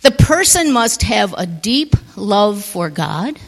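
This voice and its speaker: A woman preacher telling a story in a gentle sermon, sometimes dropping to a near whisper, in a long church reverb. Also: mid-range voice, sing-song, creaky. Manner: slow, gentle, drops to a near whisper on key lines.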